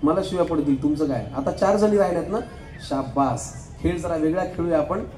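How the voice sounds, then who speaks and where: High-voiced joking man hosting a stage game. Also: dark tone. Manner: joking, rapid counting aloud. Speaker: game show host. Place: event hall stage. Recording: echoey hall, faint crowd murmur.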